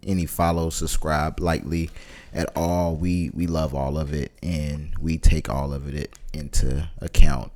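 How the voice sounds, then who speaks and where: A man's voice: extremely low pitch, little pitch movement, measured pace, hardly any pauses, darkish tone. A man co-hosting a podcast in casual chat, speaking earnestly and listing things one by one. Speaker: podcast co-host.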